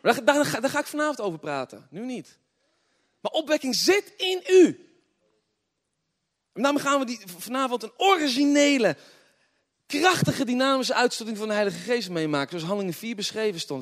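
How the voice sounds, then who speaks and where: Man, high voice, preacher telling funny stories, hall reverb. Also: expressive, moderate pace. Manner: storytelling with laughter, swinging between hushed and loud. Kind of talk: humorous testimony sermon.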